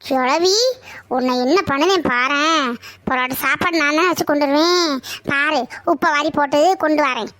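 A woman's voice: high voice, normal speed. A woman voicing a stubborn, teasing young woman. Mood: mock angry. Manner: sharp rural Tamil banter.

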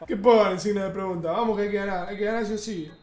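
High-pitched Argentine streamer yelling at a match. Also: male voice, roomy sound. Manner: loud cheering, yelling at the referee. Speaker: gaming streamer. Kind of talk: excited live gameplay commentary.

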